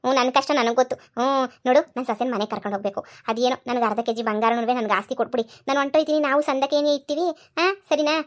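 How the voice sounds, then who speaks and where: A woman voicing a scheming, bossy village mother-in-law in a cartoon comedy, with a scolding tone. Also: lightly acted. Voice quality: high and fast, scolding.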